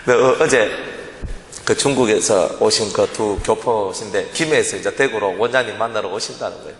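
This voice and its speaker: A middle-aged man with a Gyeongsang Korean accent, preaching a sermon as a pastor in animated, colloquial storytelling. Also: on the low side, moderate pace. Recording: echoey hall reverb.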